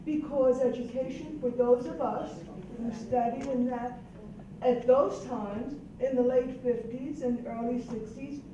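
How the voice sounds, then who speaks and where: An older woman from Puerto Rico speaks a little slowly in a high voice with fairly even intonation, taking part in a roundtable panel discussion. She comes across as earnest, reflective and emphatic. The distant room mic leaves her sounding echoey, dull and noisy.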